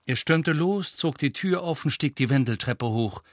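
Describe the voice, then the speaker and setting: A man reading a story aloud as an audiobook narrator, in a lively, expressive way. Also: a little high, moderate pace, dry recording, clean studio sound. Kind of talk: scripted narration.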